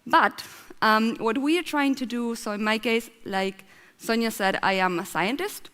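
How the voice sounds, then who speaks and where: A woman's voice: fairly high pitch, a little slow, fairly bright tone. Argentine-born woman speaking in a reverberant hall. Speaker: festival speaker, head of a science nonprofit. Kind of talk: conference talk.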